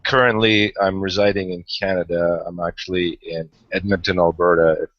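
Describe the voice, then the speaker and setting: Speaking as a guest caller in an online hangout, a Hungarian-born man chats casually, rambling, hesitating and swearing often. His deep voice holds a level tone at a moderate pace, and the lo-fi call audio sounds dry.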